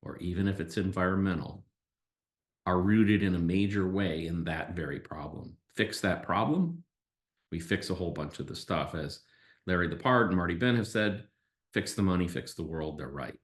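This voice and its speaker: Deep-voiced man, emphatic podcast monologue, roomy sound. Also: animated, moderate pace. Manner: emphatic, step-by-step explaining with rhetorical questions. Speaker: podcast host.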